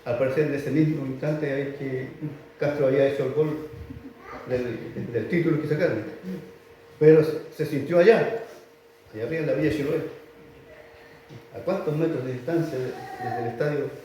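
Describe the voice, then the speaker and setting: Chilean male preacher, slightly high voice, emphatic and repetitive, very roomy church sound. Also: normal speed, pauses often, recorded from a distance, slight background noise. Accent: Chilean Spanish. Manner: emphatic, repetitive preaching with sudden loud rises. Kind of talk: sermon. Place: church hall. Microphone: filmed for online viewers. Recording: very echoey church hall.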